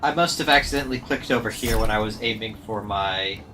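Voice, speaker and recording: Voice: mid-range voice, brisk, pushed and bright. A streamer giving wry, self-mocking running commentary while playing a game live. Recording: game music playing underneath. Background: game music and sound effects.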